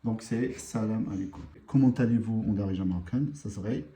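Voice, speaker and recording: A man teaching a live online language lesson, unhurried and hesitant, with many pauses and fillers. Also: lowish voice, warm tone, reverberant, a little hiss or hum.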